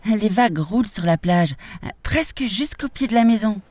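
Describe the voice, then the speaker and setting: A woman's voice: lowish voice, brisk, no room sound, natural voice. Woman voicing an eager boastful boy. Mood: excited. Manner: excited, boastful, raised voice.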